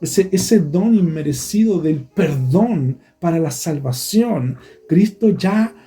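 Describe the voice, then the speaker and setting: A man preaching, his voice fairly high yet very dark and mellow in tone. He talks earnestly, repeating his phrases as he addresses the congregation. Soft instrumental music sits faintly behind him. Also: animated, slow. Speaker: pastor. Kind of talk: sermon.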